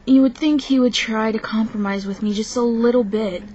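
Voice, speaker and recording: With a slightly high, steady, darkish voice at normal speed, a sleep-deprived young vlogger complains frankly and haltingly to the camera, often restarting mid-sentence. The highs are cut off, there's slight background noise, and faint soundtrack music plays.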